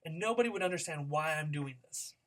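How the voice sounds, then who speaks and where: A male speech instructor giving a recorded lecture, conversational and demonstrative, with frequent fillers and restarts as he varies his speed, pitch and loudness to show his points. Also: animated, fast talker.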